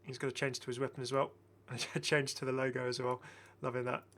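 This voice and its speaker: A middle-aged man hosts a gaming video, commenting on game skins in an enthusiastic, casual way and often repeating himself. His medium-pitched voice is fast, fairly bright and flat in delivery.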